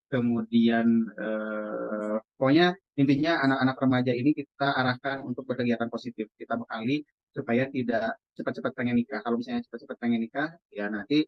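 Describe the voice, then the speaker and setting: Fast-talking man, dry dull sound. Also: mid-range voice, fairly even intonation, no echo. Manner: hesitant, with filler sounds. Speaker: family planning official interviewed. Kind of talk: casual interview answers.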